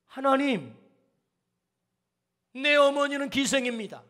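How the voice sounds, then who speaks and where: A man's voice: extremely high pitch, expressive, slow pace, sharp tone, exaggerated voice. A man preaching in Korean voicing a desperate outcast man praying to God, with urgent, rising pleas. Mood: pleading. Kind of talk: sermon re-enactment.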